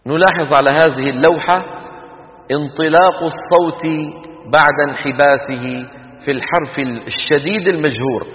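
A man giving a classroom lecture on Quran recitation, explaining slowly and drilling students to repeat sounds. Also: a little high. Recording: dull lecture hall recording.

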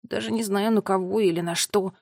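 A woman reading aloud, voicing a brash, defensive boy in a lowered, hushed voice in a storybook. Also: fairly even intonation, a little fast, vocal fry, dry recording, clean studio sound. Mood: remorseful.

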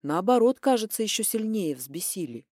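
A woman narrating a first-person romance audiobook with expressive, dramatic storytelling. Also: medium pitch, normal speed, dry recording, clean studio sound.

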